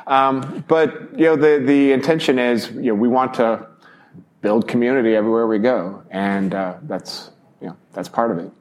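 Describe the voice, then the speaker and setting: A man speaking as a guest in a casual podcast interview, rambling and halting between phrases. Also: medium pitch. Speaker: podcast co-host and sponsor guest.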